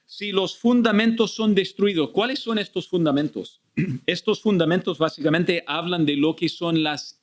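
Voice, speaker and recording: High-voiced male preacher. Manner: asks the congregation frequent rhetorical questions. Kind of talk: expository sermon. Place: church.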